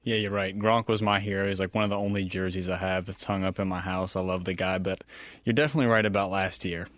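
A man co-hosts a casual sports talk show. His voice sits low and sounds dry and close. He speaks in an easygoing, agreeable way, like a fan chatting with a friend. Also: fairly even intonation, quick pace, a bit bright, no echo. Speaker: co-host.

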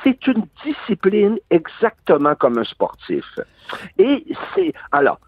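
A man's voice: high voice, huge pitch swings, slow pace, husky, no room sound. An older man with a Québécois accent, a guest actor explaining at length, emphatic and long-winded in a radio interview. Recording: dry phone-like radio sound.

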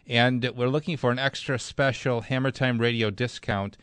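A man's voice: medium pitch, fairly even intonation, moderate pace, fairly bright tone, smooth, dry recording. An American man hosting radio, chatting through live advertising endorsements. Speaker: radio host.

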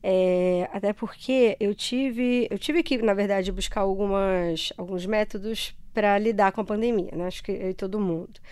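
A woman's voice: mid-range voice, normal speed, hardly any pauses, darkish tone, clear, resonant tone, no room sound. A Brazilian woman with a carioca accent from Rio, answering conversationally as an interview guest in a reflective, explanatory way. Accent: Brazilian, Rio de Janeiro (carioca). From Ceará, Brazil.

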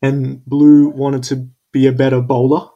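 A man's voice: mid-range voice, flat delivery, a little slow, warm tone, lo-fi sound. A young man in casual chat, laid-back and hesitant, with many fillers. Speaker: conversation partner.

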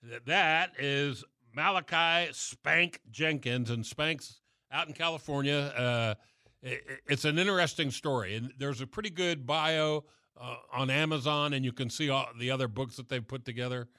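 A man hosting a casual live radio interview, talking in a loose, halting way. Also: mid-range voice, pushed and bright, dry recording, studio quality. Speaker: radio show host.

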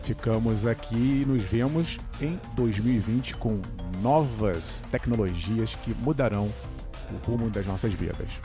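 Over music, a male podcast co-host with a fairly low voice speaks a little slowly. In this casual discussion, he gives considered but somewhat hesitant opinions.

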